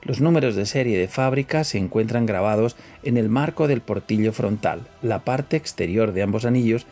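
Guy narrating a documentary from a script, mellow dark voice, faint music behind. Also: fairly low pitch, lively intonation, normal speed. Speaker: presenter.

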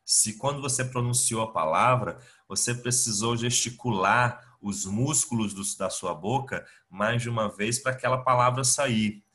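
A man's voice: medium pitch, moderate pace, few pauses, bright, forceful tone. A Brazilian man teaching an English class over a video call, explaining patiently step by step with many fillers. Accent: Brazilian Portuguese. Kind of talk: online class lecture. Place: home, remote video class. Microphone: computer mic on a video call.

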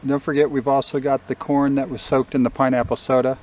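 A middle-aged man talking casually to the camera on a riverbank, in a relaxed, matter-of-fact way with small restarts. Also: mid-range voice, a little fast. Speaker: fishing vlogger. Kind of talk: casual outdoor commentary. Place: riverbank outdoors. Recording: faint outdoor nature ambience.

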